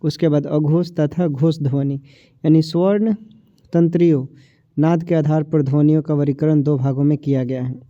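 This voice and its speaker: A man with a Bihari Hindi accent teaches a grammar lesson. His voice sits fairly high but sounds very dark and mellow, and it is recorded dry and a little dull, like a lo-fi mic. He repeats his points and stretches out each sound as he says it. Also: fairly even intonation, normal speed, no room sound. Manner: repetitive, asks and answers his own questions; drags out sounds when saying them. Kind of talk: exam-prep grammar lesson.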